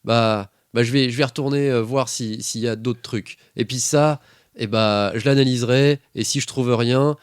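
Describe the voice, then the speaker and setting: A man voicing an excitable, bossy and boastful boy sleuth in a tabletop game, ranting loudly. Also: mid-range voice, normal speed, clear, resonant tone, dry recording, clean studio sound, natural voice. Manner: shouting, indignant rant.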